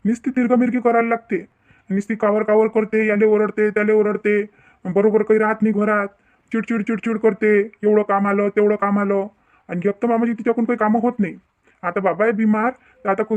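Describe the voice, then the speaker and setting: A man's voice: sits high, darkish tone, natural voice. A man voicing a stressed young married man, hesitant and complaining, who stammers in a cartoon family drama.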